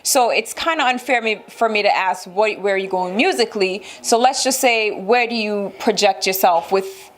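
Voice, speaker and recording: A woman hosts a relaxed interview and keeps her guest talking with short, encouraging replies. Her voice sits in the middle range and has a conversational tone. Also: medium pitch, a little hiss or hum. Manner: encouraging, quick affirmations. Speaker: interview host.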